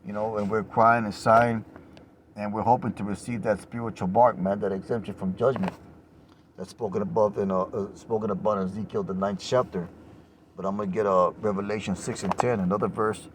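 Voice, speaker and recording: A man giving an informal sermon. He reads scripture aloud and rises to loud, passionate cries on the refrains, swearing casually and filling his lines with "man" and "you know.". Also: lowish voice, fairly even intonation, brisk, noisy background. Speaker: preacher.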